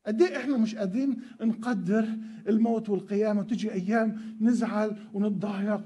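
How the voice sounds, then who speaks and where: Husky high-voiced man preaching emphatically. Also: fairly even intonation, fast, mellow, lo-fi sound. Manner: emphatic preaching with repeated words and rhetorical questions. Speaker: pastor. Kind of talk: sermon.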